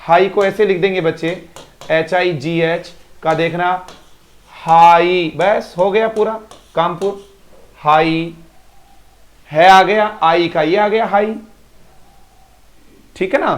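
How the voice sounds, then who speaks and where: A man's voice: sits high, fairly even intonation, slow pace, pauses often. A male teacher in a live online class, repeating words to drill pronunciation and praising students by name. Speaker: English teacher.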